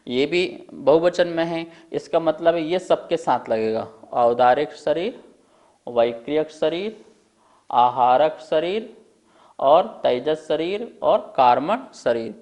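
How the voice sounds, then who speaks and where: A man teaching a scripture lesson at a board, slowly and deliberately drilling the pronunciation of each word. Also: a little high, expressive, a little mellow. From India.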